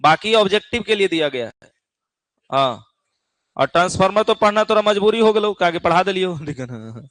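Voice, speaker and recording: A man's voice: high-pitched, animated, moderate pace, a bit bright, no echo. Folksy Bihari male teacher, dry sound. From Bihar, India. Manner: folksy, keeps checking in with students. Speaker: physics teacher. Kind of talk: classroom exam-prep lecture.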